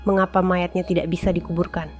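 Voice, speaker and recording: An anxious, earnest grown son in a horror story, read by a woman. He questions his mother in a slightly low register, with music behind. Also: level tone, quick pace, natural voice.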